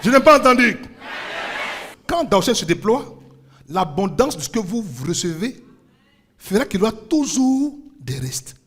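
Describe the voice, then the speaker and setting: A man's voice: sits high, very animated, a little slow, long pauses, a bit bright, husky. A man preaching a sermon as pastor, with fervent call-and-response and rhythmic repeated refrains. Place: church service.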